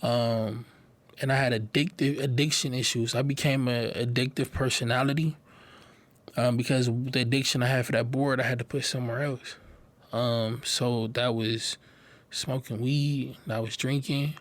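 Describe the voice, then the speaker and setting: Speaking before a live audience, a young man shares a personal testimony in an earnest, halting way, frequently repeating words. His mid-range voice holds a steady tone, and the recording is dry.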